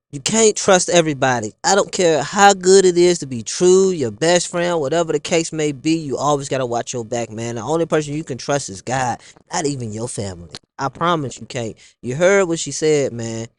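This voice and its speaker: A man's voice: fairly high pitch, a little fast, no room sound. A man hosting a reaction video, giving casual, preachy commentary and often saying "man". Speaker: reaction channel host.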